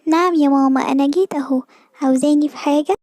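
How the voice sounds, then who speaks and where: A woman's voice: sits high, fairly even intonation, very fast, mellow, no echo, clean studio sound, lightly acted. A woman voicing a frightened little boy squirrel with an Egyptian Arabic accent, pleading and panicky. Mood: meek. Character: scared little boy squirrel, fearful of shots.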